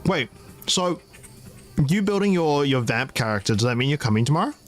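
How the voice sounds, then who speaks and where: A man's voice: fairly high pitch, very animated, a little fast, soft background music. A man playing in a tabletop game, chatting playfully with hesitant restarts. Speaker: player. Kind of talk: casual pre-game chat on a voice call.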